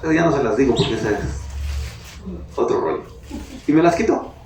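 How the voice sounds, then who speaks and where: A man's voice: mid-range voice, animated, a little fast, background noise. A Mexican man preaching a sermon as pastor, talking in a conversational way and asking his congregation questions. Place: church hall. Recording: echoey hall, mic at a distance.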